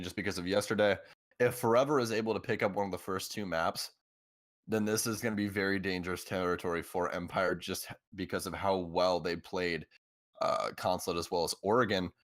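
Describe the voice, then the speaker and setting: Deep-voiced enthusiastic esports co-caster. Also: male voice, fairly bright tone, no echo. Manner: enthusiastic, rambling, filler-heavy. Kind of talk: live esports commentary.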